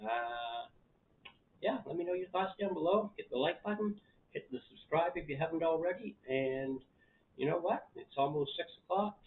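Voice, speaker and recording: A middle-aged man in his living room, talking casually to the camera as a channel host, relaxed and rambling, with plenty of fillers. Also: fairly high pitch, moderate pace. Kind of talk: casual vlog talk to camera. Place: living room at home, indoors. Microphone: camera in front of him. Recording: tinny phone-like sound.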